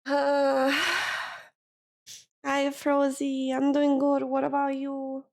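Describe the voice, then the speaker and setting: A woman's voice: high voice, flat delivery, extremely slow, vocal fry. A woman streaming live, chatting casually and thanking viewers, tired and emotional, close to tears.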